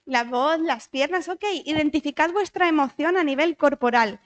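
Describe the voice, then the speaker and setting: At a moderate pace and with a high-pitched voice, a Spanish psychologist speaks with the accent of Spain in a church hall. Her talk is lively and conversational, and she keeps asking the audience questions and adding tag questions.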